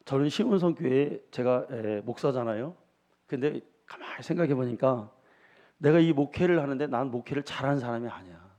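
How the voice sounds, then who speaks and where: A man's voice: medium pitch, a little fast, dark tone. A middle-aged man, preaching a sermon as pastor, telling homely stories and often asking the congregation questions. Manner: folksy storytelling, asks the congregation questions.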